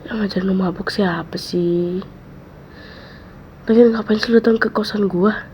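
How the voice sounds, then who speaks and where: A woman in a whispered role-play, soothing a friend softly and repeating comforting words close to the mic. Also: medium pitch, fairly even intonation, moderate pace. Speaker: ASMR role-play creator. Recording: dull lo-fi mic with faint hiss.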